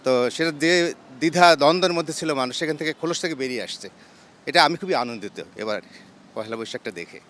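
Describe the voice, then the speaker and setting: A man giving his opinion in a street interview, thoughtful and pausing to find his words. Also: fairly high pitch, a bit bright. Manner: thoughtful, with hesitations. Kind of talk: reflective vox pop opinion.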